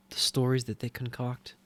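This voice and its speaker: A man teaching scripture and reading it aloud, earnest and halting, with frequent restarts and moments of strong feeling. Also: mid-range voice. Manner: easily moved, voice swelling with feeling. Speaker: Bible teacher.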